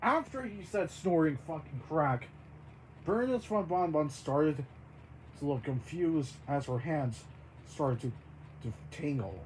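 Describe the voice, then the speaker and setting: An amateur storyteller improvising a story, halting often, restarting lines and spelling out names. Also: medium pitch, animated, darkish tone, slight background noise, rough recording.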